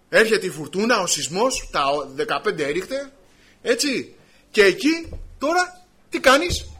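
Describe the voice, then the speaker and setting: A husky, bright-toned man delivers a sermon. His pitch is lively and he swings between loud emphatic lines and hushed asides. He sits slightly high for a man. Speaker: preacher.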